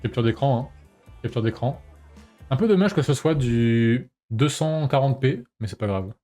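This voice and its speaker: A young man giving casual, animated commentary while streaming a game, often exclaiming and talking to himself. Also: medium pitch, normal speed, soft background music.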